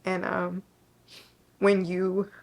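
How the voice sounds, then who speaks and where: Tearful young woman with a flat, low voice. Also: creaky. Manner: halting, with restarts and soft pauses. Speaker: vlogger sharing her faith testimony. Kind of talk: emotional personal testimony to camera.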